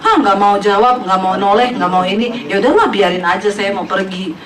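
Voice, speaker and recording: A woman's voice: mid-range voice, moderate pace. A woman pastor preaching a humorous sermon, playfully acting out the voices of people in her stories and laughing often. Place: church hall with congregation. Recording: echoey hall from far off, crowd noise.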